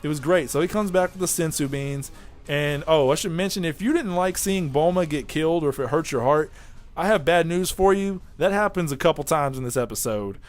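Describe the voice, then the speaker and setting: A man's voice: on the high side, fairly quick. A young man giving a casual, rambling, offhand video review of an anime episode. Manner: rambling, offhand, chatty with fillers.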